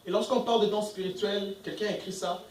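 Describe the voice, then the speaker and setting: High-voiced preaching man, echoey church. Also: fairly even intonation, fast talker, distant mic. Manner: emphatic, asks the congregation questions; reads scripture verses aloud between comments. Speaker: pastor. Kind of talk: sermon.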